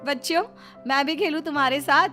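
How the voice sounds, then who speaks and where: A woman voicing a loud, bossy, youthful mother-in-law in a cartoon story who scolds and snaps quickly. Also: soft background music. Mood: playful bossy. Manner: shrill, scolding, quick-tempered.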